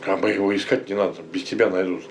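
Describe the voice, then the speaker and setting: A man's voice: sits low, steady tone, fast, creaky, noisy background. A man chatting casually and bluntly, with slang and swearing. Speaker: village resident being interviewed. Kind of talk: casual chat.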